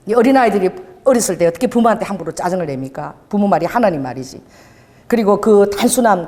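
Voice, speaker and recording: A woman preacher with a high voice that leaps and swoops as she talks. She tells her story at a quick clip and voices the other people in it. Her words ring out in a reverberant church hall. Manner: lively storytelling, acts out quoted dialogue, frequent laughter. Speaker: pastor. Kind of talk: sermon with personal anecdotes.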